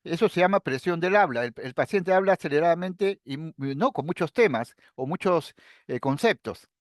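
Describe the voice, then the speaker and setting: A middle-aged man with a high voice gives a lecture. He explains things calmly, point by point, and often turns to his students. The sound is dry and close, with no room echo. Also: moderate pace. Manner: explains calmly and step by step, addressing students directly. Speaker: psychiatry lecturer. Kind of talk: recorded lecture.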